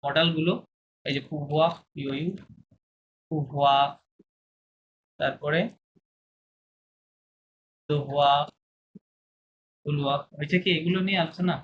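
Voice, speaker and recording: A man teaching a language class online, repeating examples slowly and checking with his students as he goes. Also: on the high side, steady tone, dull audio. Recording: video call with clear background noise.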